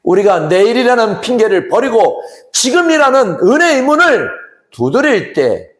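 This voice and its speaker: A man as pastor, giving an earnest sermon that swells to emphatic rises and sinks to hushed drops. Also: sits high. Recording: roomy echo.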